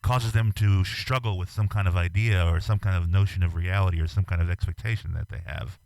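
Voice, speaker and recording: A man's voice: deep voice, fairly even intonation, brisk, vocal fry, darkish tone, dry recording. A man interviewing an artist over a call, speaking hesitantly with many ums as he thinks aloud. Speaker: magazine interviewer. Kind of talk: casual interview chat.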